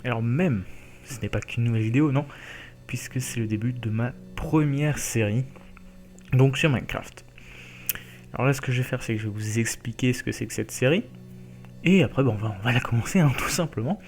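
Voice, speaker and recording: A man's voice: mid-range voice, a little fast, a little mellow, soft background music. A man casually introducing his gaming series, talking loosely with many fillers and repeated "okay?" checks. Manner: chatty, full of fillers and checks like "d'accord?".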